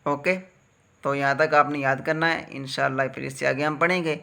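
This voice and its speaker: A man's voice: medium pitch, little pitch movement, brisk, vocal fry, pushed and bright, smooth. A man from Pakistan with a Pakistani Urdu accent, teaching Quran letter reading in a patient step-by-step lesson and drawing out each letter sound. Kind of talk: slow step-by-step recitation lesson.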